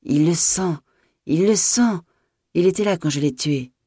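A woman's voice: low-pitched, measured pace, warm tone, dry recording, clean studio sound. A woman voicing a terrified old gamekeeper. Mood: panicked. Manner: stammering, panicked.

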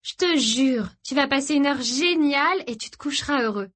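A woman's voice: high-pitched, moderate pace, a bit bright, voice pushed up. A woman voicing a playful, pushy teenage girl in an audiobook. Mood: coaxing. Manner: coaxing, wheedling.

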